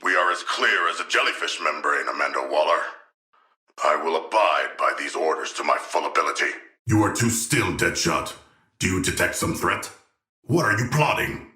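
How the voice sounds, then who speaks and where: A man's voice: deep voice, animated, normal speed, pushed and bright, roomy sound, heavily acted. An actor playing a huge, earnest and naive shark-man royal in a video game, speaking in stilted, formal and solemnly literal language. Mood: bored, imperious. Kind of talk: scripted game character voice lines.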